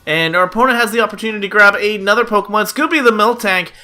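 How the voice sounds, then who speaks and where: Racing through his card game commentary, a young YouTuber speaks in a high-pitched, bright, forceful voice. His chatty play-by-play is slightly nasal from a cold and littered with "uh" fillers, with music in the background.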